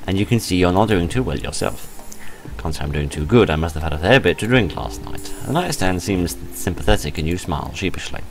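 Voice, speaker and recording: A man whose voice sits low and sounds expressive reads fairly quickly, with slight background noise present. He's a game playthrough host voicing a visual novel dramatically and playfully, adding casual commentary over game music.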